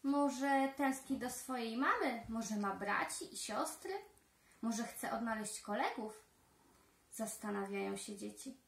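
Slow-reading woman teacher, roomy echo. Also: on the high side, gravelly, slight background noise. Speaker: preschool teacher. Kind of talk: reading a story aloud to children.

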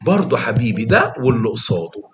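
A man's voice: mid-range voice, sing-song, fast, reverberant, noisy background. A man with an Egyptian accent teaching a math lesson, coaxing students with questions and repetition. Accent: Egyptian Arabic. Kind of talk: lively classroom explanation.

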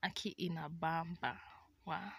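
A woman's voice: on the low side, steady tone, a little slow, vocal fry, fairly bright tone, breathy edge, dry recording. A young Kenyan woman vlogging casually, mixing English and Swahili slang in a tired, murmured half-whisper, speaking into a phone camera held close in a dim bedroom. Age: young adult.

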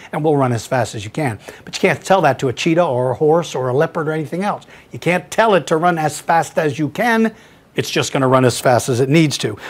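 A man hosting a paleontology podcast, answering listener questions in an enthusiastic, folksy way and calling listeners buddy. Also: a little high.

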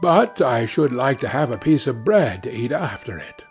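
A man's voice: medium pitch, big pitch swings, normal speed, soft background music. A man voicing a hungry, weary, sorrowful male sheepdog in a fairy tale, with plain delivery. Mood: weary, plaintive.

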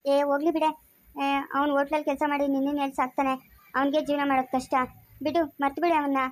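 A young woman playing a blunt, practical student friend who talks in a brisk, scolding way in a family skit. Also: high voice, flat delivery, lightly acted. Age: young adult. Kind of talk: amateur family skit acting.

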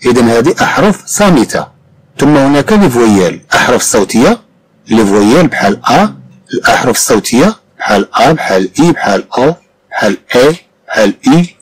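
Patient Moroccan teacher, lively voice. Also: male voice, medium pitch, breathy edge, low-quality recording. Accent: Moroccan Arabic. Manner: patient, repeats sounds and examples slowly. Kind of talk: French phonics lesson explained in Moroccan Arabic.

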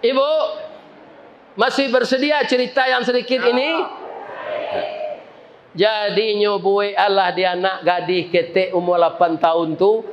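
A man with a Minangkabau accent preaching a humorous sermon before a gathering, telling a story in a lively way that swings from quick jokes to slow pleading prayers. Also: high-pitched, highs cut off. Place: live gathering before an audience.

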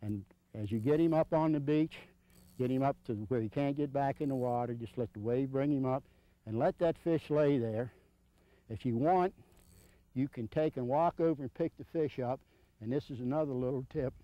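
A man in his fifties, with a mid-range voice at a moderate pace, gives informal, hands-on surf fishing instruction outdoors on a sandy beach. He talks in a plainspoken, folksy manner and keeps repeating his points. There's no room sound, and the audio comes from a dull old video.

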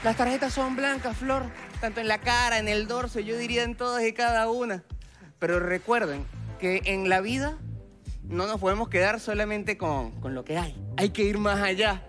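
His voice sits high and a bit bright at a moderate pace. He's a Venezuelan stage magician in his twenties, a talent show contestant using a headset mic to address the judges with theatrical patter while music plays under him on a large TV studio theatre stage.

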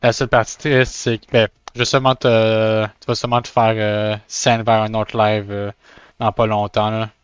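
Québécois man, casual stream chat, smooth voice, slightly muffled dry sound. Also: lowish voice, little pitch movement, moderate pace, no echo. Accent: Québécois French. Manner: stammers and restarts, mixes in English words. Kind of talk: casual live-stream chat while drawing.

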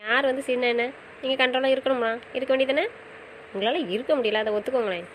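Young woman, fast talker, fairly high voice, affectionate and teasing, casual couple banter. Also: fairly bright tone, a little hiss or hum, low-quality recording. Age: young adult. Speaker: wife in a couple's chat.

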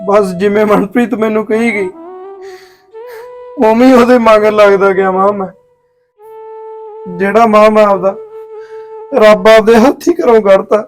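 A man's voice: high-pitched, fairly even intonation, normal speed, long pauses, faint music behind, lightly acted. A man playing a grown son who regretfully pleads with his mother. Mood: remorseful. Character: remorseful grown son, guilty and tearful. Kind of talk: village drama acting.

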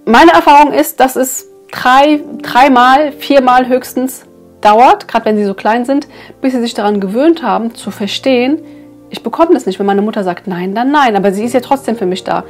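Earnest high-voiced woman vlogger. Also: moderate pace, faint music behind. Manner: earnest, hesitant with many fillers. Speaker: parenting vlogger reviewing a book. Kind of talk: casual explanatory talk to viewers.

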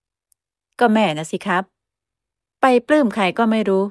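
A woman's voice: medium pitch, expressive, measured pace, dry recording, clean studio sound, close to an everyday voice. A woman voicing an irritable, curt young rich man. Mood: grumbling. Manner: curt, grumbling.

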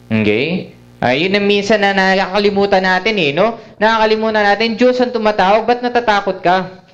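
A man's voice: on the high side, dull audio. A man with a Filipino accent preaching a sermon at a prayer meeting, mixing English and Tagalog and often asking his listeners tag questions. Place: church hall.

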